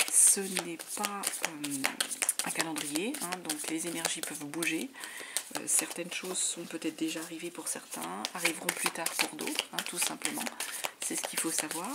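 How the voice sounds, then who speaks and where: A woman giving a monthly tarot reading in a soft, half-whispered voice full of fillers, her voice giving out. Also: lowish voice. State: voice giving out, clearing throat. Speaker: tarot reader. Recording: noisy home recording.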